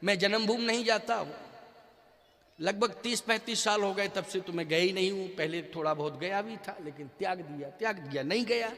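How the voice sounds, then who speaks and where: An older man preaching to an audience, his voice unusually high for a man and very bright. He talks slowly and emphatically, throwing rhetorical questions to his listeners, and his words ring out with a long echo in a large hall. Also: gravelly. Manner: chants scripture verses in a sung tone. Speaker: spiritual teacher. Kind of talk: devotional sermon.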